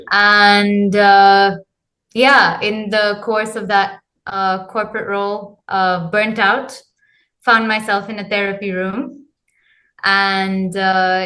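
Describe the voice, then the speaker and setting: A woman's voice: mid-range voice, a bit bright. A woman in her thirties, a coach from Zambia, answering interview questions casually with many ums and uhs. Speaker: guest, men's clarity coach.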